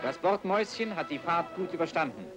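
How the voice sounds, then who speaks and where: A man announces an old 1940s newsreel in period style. His voice sits fairly high, with loud music playing right behind him on a vintage wartime recording. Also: animated, brisk, rough recording.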